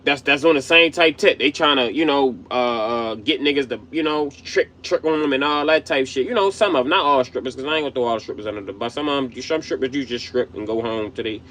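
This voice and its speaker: Talking fast with few pauses, a young adult channel host from Baltimore, USA, delivers a profane, slangy commentary monologue in his local accent. His medium-pitched voice has a fairly bright tone, there's slight background noise, and his emphatic rambling is peppered with "you know what I mean."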